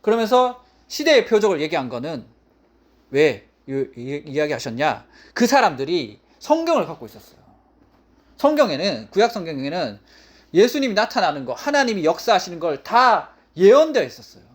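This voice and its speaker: A man's voice: high voice, very animated, normal speed. A male pastor preaching a sermon in an emphatic way, often repeating his key phrases.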